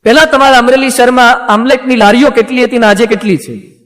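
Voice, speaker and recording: A male monk preaches to a gathered audience in a very high voice, urging and questioning his listeners as he goes. His sermon carries a long reverb from a large hall. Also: fast, a bit bright. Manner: exhorting, rhetorical questions. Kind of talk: sermon with storytelling.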